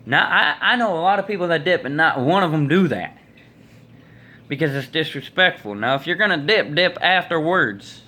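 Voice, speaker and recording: Talking into a phone held out at arm's length, a twentysomething American man tells rambling, folksy stories full of opinions from a small indoor room. His tone is bright and forceful, pitched on the high side.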